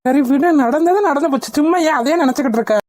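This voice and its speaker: A woman's voice: high voice, racing, darkish tone, dry recording, studio quality, voice pushed down, lightly acted. A woman voicing a stern young husband in a cartoon, speaking curtly and scolding. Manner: curt, scolding.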